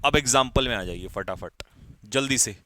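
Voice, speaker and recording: A man's voice: mid-range voice, moderate pace, sharp tone, a little hiss or hum. A man teaching an English grammar lesson to exam students, calling out examples and quizzing the class.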